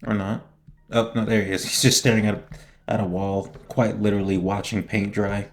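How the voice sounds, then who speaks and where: A young man giving casual, slangy gameplay commentary, joking and reacting out loud as he plays. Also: fairly low pitch, little pitch movement, moderate pace, faint music behind. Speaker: gaming streamer.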